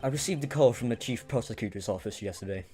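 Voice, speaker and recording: A man in his twenties voicing a cold, ruthless young male prosecutor in a fan reading of a game script, speaking low, cool and measured. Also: warm tone, soft background music, close to an everyday voice. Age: 20s.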